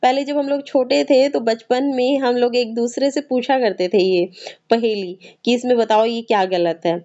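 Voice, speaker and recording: A woman with a Hindi accent from north India gives an exam-prep grammar lesson, her voice pitched a bit high yet mellow and dark in tone. She explains patiently, going over each word again and again. The recording sounds a little dull and muffled. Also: steady tone, moderate pace. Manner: explains patiently, repeats words, often asks ठीक है. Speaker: teacher.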